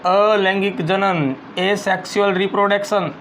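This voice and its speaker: Male teacher, high voice, slow dictation of class notes, repeats phrases, faint room hum. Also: steady tone, fairly bright tone. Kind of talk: school biology lesson, dictating notes.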